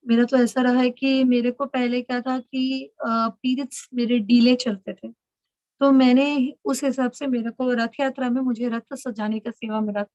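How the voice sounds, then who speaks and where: A woman's voice: fairly high pitch, flat delivery, moderate pace, a little mellow, no room sound, dull audio. A woman leading an online session for young women, talking in an instructive way and often checking that she is understood. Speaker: spiritual mentor leading an online girls' session. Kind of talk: instructive talk in Hindi-English mix.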